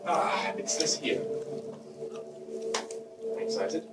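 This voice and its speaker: On a live stage before an audience, a man performs magic patter, bantering playfully and teasing a volunteer. His voice is very high-pitched and extremely slow, and the recording is very noisy, heard from far off with echo and loud ambience.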